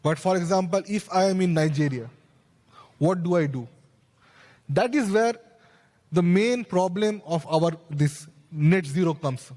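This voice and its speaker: A young man speaks earnestly on a conference panel, working through his points with quick restarts and asides. His voice sits a little high, and the handheld mic picks up a long reverb from the big hall around him. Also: mellow. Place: large conference stage hall.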